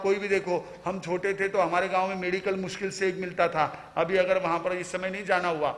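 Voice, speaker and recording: A man, a Jain monk, preaching a sermon as a slow story with frequent filler pauses. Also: high-pitched. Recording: reverberant hall.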